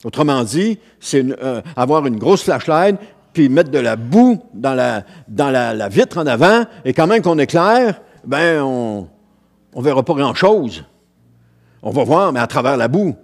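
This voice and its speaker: A male pastor with a Quebec French accent delivers a sermon in an earnest, mid-pitched voice. He leans on repetition, circles back on his own phrases and restarts sentences as he builds his point. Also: big pitch swings, a little slow.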